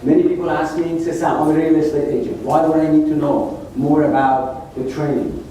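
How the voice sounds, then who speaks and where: Male seminar host, warm tone, banters with the crowd, recorded from afar in a reverberant room. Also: fairly high pitch, steady tone, a little fast, a little hiss or hum. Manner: chatty, jokey, engages the audience. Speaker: real estate club founder and host. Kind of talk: seminar talk to an audience. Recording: echoey meeting room, mic at a distance.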